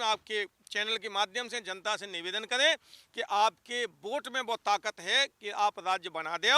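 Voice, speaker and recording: High, clear-voiced Bundeli man making an appeal. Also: pushed and bright, no echo. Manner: argumentative, posing pointed questions. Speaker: activist interviewee. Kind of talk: political appeal.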